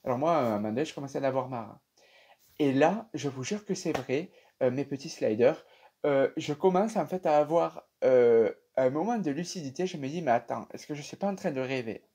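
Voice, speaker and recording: A young man with a French accent casually telling viewers about a dream, animated and chatty with many fillers. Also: medium pitch, brisk, breathy edge. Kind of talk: casual storytelling to camera.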